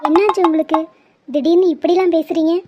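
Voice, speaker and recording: A woman voicing a polite, coy young woman on the phone with her old flame in an animated comedy. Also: very high voice, a little fast, noisy background. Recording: dull lo-fi sound.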